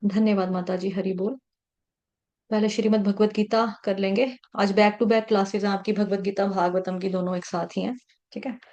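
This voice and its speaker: A woman's voice: medium pitch, fairly even intonation, moderate pace, darkish tone, lo-fi sound. A woman teaching Sanskrit verse recitation in an online class, patiently breaking words into syllables and repeating them. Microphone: video call.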